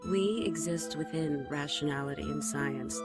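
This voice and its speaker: A woman voicing a solemn female storyteller who introduces her champion in calm, declamatory narration. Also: low-pitched, moderate pace, natural voice. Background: loud music.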